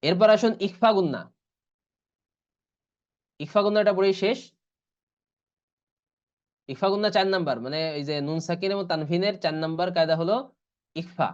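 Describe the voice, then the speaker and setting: A man teaching Quran recitation rules in an online class, spelling out letters and vowel marks one by one and chanting the examples slowly. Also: high-pitched. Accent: Bangladeshi Bengali. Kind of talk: online tajweed lesson. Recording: dull lo-fi online class audio.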